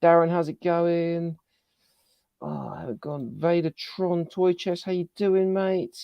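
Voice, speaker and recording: A man with a fairly high voice hosts a casual live stream, upbeat and chatty as he greets viewers by name. His voice sounds dry and close, with dull, lo-fi stream audio. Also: little pitch movement, a little slow, gravelly, smooth, no room sound. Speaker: podcast host.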